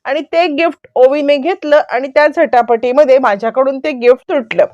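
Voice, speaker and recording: A worried young mother scolds and pleads in an earnest, anxious way, as a woman narrator reads her lines. The voice sits high and the sound is dry and close. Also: normal speed, darkish tone, no echo, highs cut off, lightly acted.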